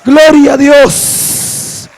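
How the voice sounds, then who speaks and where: A young man preaching a passionate sermon, often shouting and drawing out his words for emphasis. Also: extremely high pitch, flat delivery, creaky. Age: young adult. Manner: impassioned, often shouting, slow drawn-out emphasis.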